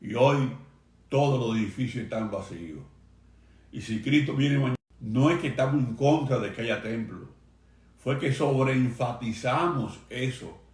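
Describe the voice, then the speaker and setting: A man pastor preaching a sermon to a remote congregation, earnest and emphatic, slowing down to stress key phrases. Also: medium pitch, darkish tone, roomy sound. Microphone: video stream for a remote congregation.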